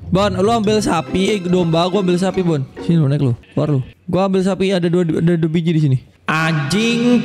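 A young man with giving loud, swearing, jumpy Minecraft commentary and teasing his co-player. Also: high voice. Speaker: gaming YouTuber. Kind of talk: excited casual Minecraft commentary.

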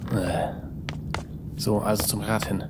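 A man's voice: lowish voice, fairly even intonation, slow pace. A man playing a video game and commenting casually, muttering to himself with fretful sighs. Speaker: let's player. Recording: audible background noise.

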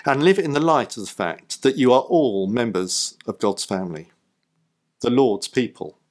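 Emphatic preacher, rhetorical questions. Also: male voice, lively intonation, normal speed. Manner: emphatic, rhetorical questions, swings pitch up sharply. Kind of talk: sermon. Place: church.

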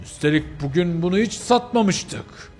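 A man's voice: high voice, lively intonation, a little slow, darkish tone, faint music behind, pitched above the performer's own voice. A man voicing an angry Rottweiler market guard dog demanding answers in a game role-play. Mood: accusing. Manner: gruff, accusing.

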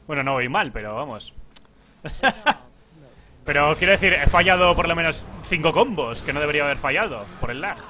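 A man's voice: a little high, expressive, a little fast, pauses often, pushed and bright, slight background noise. A young man from Spain with a Spanish accent, chatting casually over his gameplay, laughing and swearing at the lag. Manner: laughing, swearing, mock pleading at the game. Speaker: gaming YouTuber. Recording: faint music behind.

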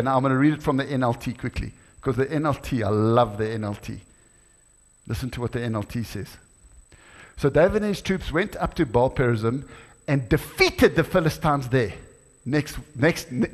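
A middle-aged man preaching a sermon in a church, animated, rising to exclamations and acting out dialogue. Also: mid-range voice. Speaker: guest preacher. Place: church hall. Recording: church hall with long reverb.

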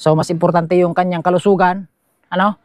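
A man's voice: high-pitched, little pitch movement, fairly quick, a little mellow, dry recording. A man with a Filipino accent giving a chatty walk-through of a small bamboo house outdoors, talking to his viewers while filming on a handheld action camera. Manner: chatty, keeps saying "guys", points things out. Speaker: vlogger giving a house tour. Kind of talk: casual walk-through vlog narration. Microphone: action camera held by the speaker.

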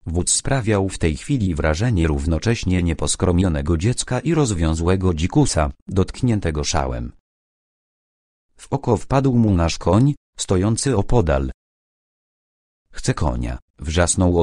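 A man narrating an audiobook in the first person, with steady, measured storytelling. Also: deep voice, no echo, studio quality.

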